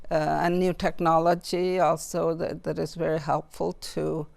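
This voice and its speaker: An older interview guest from Nunavut in Canada, reflecting in a halting, thoughtful way with pauses and repeated words. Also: medium pitch, flat delivery, vocal fry, darkish tone, no room sound.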